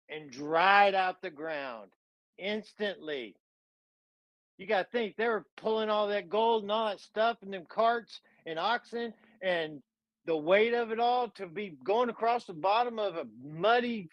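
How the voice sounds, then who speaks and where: A man's voice: high voice, dry recording, muffled recording. A man retelling a scripture story in a fervent, preaching style, full of dramatic repetition.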